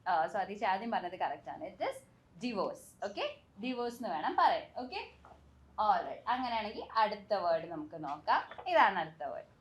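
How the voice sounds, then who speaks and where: A young woman from Kerala hosting a bilingual language lesson, teaching English pronunciation and repeating words slowly and carefully to model them. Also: medium pitch, very animated, highs cut off.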